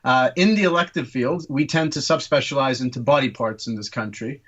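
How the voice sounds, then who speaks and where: On lo-fi sound, a medium-pitched, slightly bright male voice talks briskly. He's an orthopaedic surgeon in his thirties from Turkey, appearing as a guest on a relaxed podcast and filling his explanations with ums and uhs.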